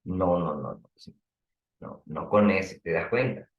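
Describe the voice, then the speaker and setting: A deep-voiced man from Peru, speaking a little slowly with a Peruvian Spanish accent, gives an online language class lecture. He questions his students and explains with examples, and the audio sounds roomy with the highs cut off.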